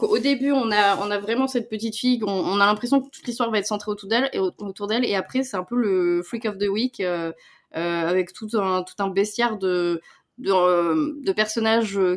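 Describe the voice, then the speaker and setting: A woman co-hosting a podcast, talking casually about a TV series with many fillers and restarts. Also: medium pitch. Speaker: podcast co-host reviewing series. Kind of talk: casual chat.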